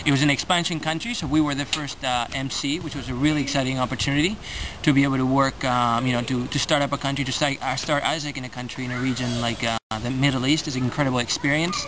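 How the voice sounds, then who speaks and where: A man's voice: mid-range voice, steady tone, fast talker, background noise. A man in his twenties from Spain, introducing himself on a street and speaking with many fillers. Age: 20s. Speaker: board member introducing himself. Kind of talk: self-introduction to camera.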